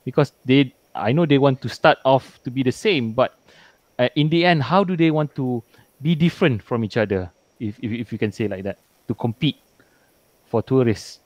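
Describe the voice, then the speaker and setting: A man's voice: mid-range voice, expressive, moderate pace, no echo. A man chairing a conference session on a video call, polite and friendly, with frequent hesitations. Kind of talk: moderating a conference Q&A. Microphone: video call webcam.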